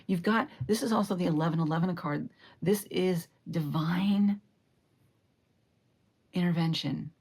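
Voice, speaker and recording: Husky, low-voiced woman reading tarot cards. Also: darkish tone. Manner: reflective, lingering over each card. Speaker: tarot reader. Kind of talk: solo tarot reading to camera.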